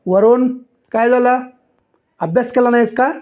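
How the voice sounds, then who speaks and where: A man voicing a stern, short-tempered male schoolteacher inside a story reading, scolding loudly with a raised voice. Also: unhurried. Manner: loud scolding, raised pitch. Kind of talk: acted dialogue in a story reading.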